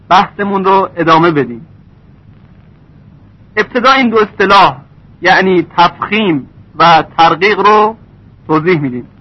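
A man teaching recitation rules in a lesson, stretching out example words slowly. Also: high-pitched, slightly rough. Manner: slow drawn-out example words. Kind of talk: tajweed lesson. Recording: dull lo-fi recording.

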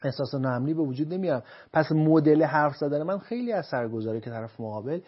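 Husky man counseling about couples. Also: fairly high pitch, highs cut off. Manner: calm, acts out couples' dialogue. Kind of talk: explaining to an interviewer.

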